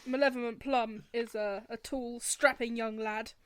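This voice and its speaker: A woman's voice: a little high, steady tone, measured pace. A woman introducing her character in a tabletop game, playful and correcting herself as she goes.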